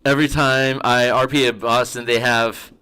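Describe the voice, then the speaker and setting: A man's voice: medium pitch, little pitch movement, normal speed, bright, forceful tone, smooth. A man streaming his artwork, chatting casually and murmuring instructions to himself as he works, with chatty asides and frequent restarts. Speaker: artist streaming his work. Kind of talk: casual livestream chat while painting.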